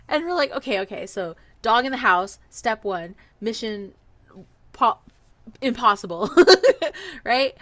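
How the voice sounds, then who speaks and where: A woman recounts a personal story in a casual, lively, chatty manner, acting out snippets of dialogue along the way. Her voice is medium in pitch, and the recording is dry.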